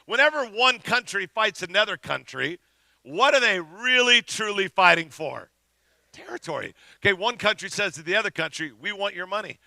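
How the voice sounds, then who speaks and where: A middle-aged man preaches with animated storytelling, his voice pitched high with a gravelly edge. The tone is sharply bright, and he sometimes rises to a shout. The sound is dry and close. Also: moderate pace, no room sound. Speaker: pastor. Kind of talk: sermon with storytelling.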